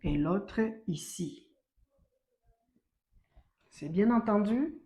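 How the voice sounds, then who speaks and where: Woman, Rwandan accent, French teacher, very slow, repeats syllables loudly. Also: medium pitch, lively intonation. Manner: slow, drills syllables aloud and repeats them, louder on drills. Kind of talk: beginner French lesson, mixing in Kinyarwanda.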